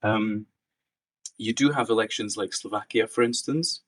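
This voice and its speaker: A man's voice: lowish voice, normal speed, no room sound, far from the mic, poor audio. A young man from the Czech Republic, a researcher answering interview questions in a thoughtful way, with many restarts and fillers. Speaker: researcher guest.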